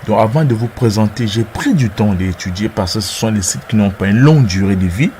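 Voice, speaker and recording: A man's voice: lowish voice, expressive, fairly quick, darkish tone, slight background noise. A man narrating a screen-recorded tutorial as its presenter, talking through each step hesitantly and repeating words as he clicks.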